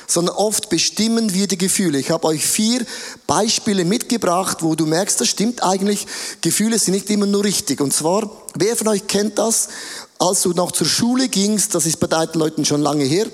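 A man preaching a sermon in an animated, playful way, acting out little scenes. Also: high voice. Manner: animated, playful, acts out quotes. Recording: reverberant hall.

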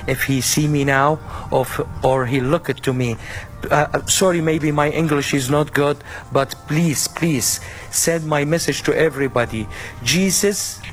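A man speaks slowly and earnestly, sharing a personal testimony in broken English. He stumbles and repeats himself as he searches for words. Gentle music plays quietly underneath. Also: mid-range voice. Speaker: convert giving testimony.

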